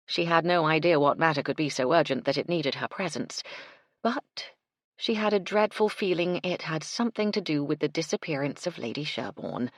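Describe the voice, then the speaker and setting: A woman reading a cozy mystery audiobook with steady scripted narration. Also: low voice, no echo, studio quality.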